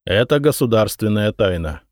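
Gruff, commanding spymaster, voiced by a man, loud and swinging in pitch, dry studio sound. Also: lively intonation, normal speed, no room sound, lightly acted. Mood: angry, stern. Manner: roaring, threatening, commanding. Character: stern, short-tempered male head of secret service. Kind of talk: audiobook character reading.

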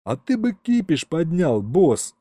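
Brief: eager slangy imp sidekick, bouncy pitch, mellow dry audiobook sound, read by a man. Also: very animated, slow, dry recording, full character voice. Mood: boastful. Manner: street slang, keeps calling him boss. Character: cheeky male imp henchman, slangy and eager.

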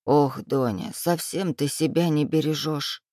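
Fussy old granny, slow and sighing, lower than the reader's own voice, as a woman reads her; dry audiobook sound. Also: darkish tone, no room sound. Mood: fussing. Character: fussing elderly village grandmother, doting.

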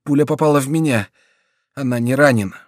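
A male narrator voicing a loyal young male doctor who shouts urgent warnings. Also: mid-range voice, brisk, dry recording, clean studio sound, lightly acted.

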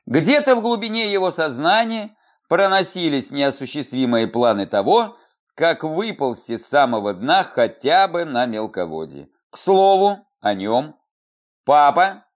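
A man's voice: a little high, very animated, measured pace. A man narrating a first-person fantasy audiobook in a wry, ironic manner.

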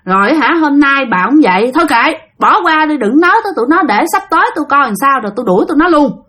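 A woman voicing a gruff older male landlord in a spoken ghost story, brushing off worries in a brusque, scolding way. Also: sits high, animated, quick pace, fairly bright tone. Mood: dismissive.

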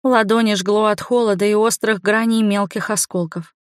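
A woman's voice: medium pitch, fairly even intonation, normal speed, no room sound. A woman reading a first-person fantasy audiobook with tense, suspenseful storytelling. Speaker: audiobook reader. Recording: dry close studio sound.

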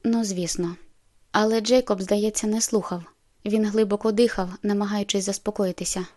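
A woman's voice: mid-range voice, level tone, fairly quick, darkish tone. A woman narrating a novel in the first person, reading expressively and acting out the heroine's lines. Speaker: audiobook narrator.

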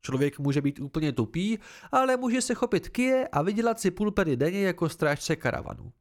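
Stern female sword mentor, blunt and lively-voiced, as a male reader puts her on for an amateur audiobook. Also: sits high. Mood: instructive. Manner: blunt, instructive, measured.

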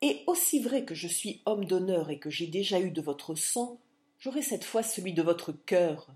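A woman's voice: fairly low pitch, expressive, moderate pace, dark tone, close to an everyday voice. A woman voicing a fiery male adventurer who hurls bitter, challenging outbursts in an audiobook reading. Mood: defiant.

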